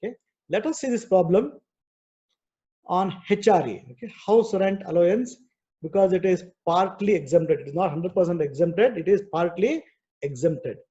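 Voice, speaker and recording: A man with an Indian accent teaches an online class, walking through worked problems step by step in a didactic, repetitive way and often checking in with "okay." His voice is high-pitched, animated and warm, at a normal speed. The video-call audio sounds dull and muffled.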